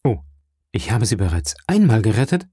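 A man's voice: lowish voice, big pitch swings, normal speed, mellow, slightly rough, no echo, clean studio sound, exaggerated voice. A man voicing a desperate young prisoner in an audiobook, raised, urgent and pleading. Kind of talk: audiobook character reading.

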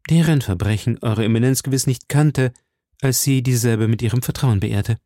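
A man voicing a proud, fearless young musketeer who speaks earnestly and forcefully. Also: medium pitch, normal speed, no echo, studio quality, close to an everyday voice. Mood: defiant.

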